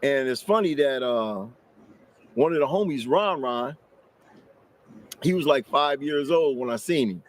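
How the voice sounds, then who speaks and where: A man's voice: medium pitch, lively intonation, measured pace, long pauses. An older man from Los Angeles, interviewed as a guest, telling his story plainly and matter-of-factly.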